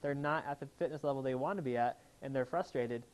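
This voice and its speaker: Speaking fast at a medium pitch, a man with a darkish voice delivers an upbeat health seminar as a chiropractor. He talks live to a room full of people and keeps asking them questions.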